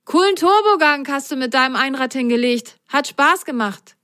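A woman's voice: high voice, lively intonation, normal speed, a bit bright, no echo, clean studio sound, voice pushed up. A woman doing an adventurous boy sock. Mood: adventurous upbeat. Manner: direct, upbeat, casual. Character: adventurous, sporty male sock, a bit cocky.

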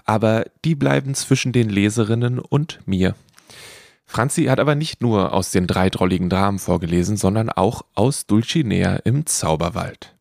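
A man hosting a book podcast, chatting in a relaxed way. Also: on the low side, moderate pace, vocal fry, dry recording, clean studio sound. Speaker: podcast host. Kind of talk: casual commentary.

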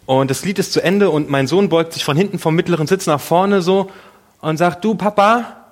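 A man's voice: fairly high pitch, normal speed, darkish tone. A middle-aged man, a pastor giving a casual, humorous sermon in a chatty storytelling way with playful asides.

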